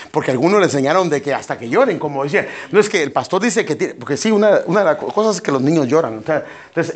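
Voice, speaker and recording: A man's voice: fairly high pitch, breathy edge. A middle-aged male pastor preaching a sermon, emphatic and repeating his phrases as he keeps calling his listeners brother.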